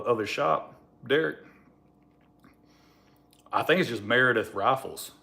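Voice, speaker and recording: Man, fairly low pitch, mumbled marbles-in-mouth diction, rambling, informal livestream chat. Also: a bit bright. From Alabama, United States. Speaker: livestream host.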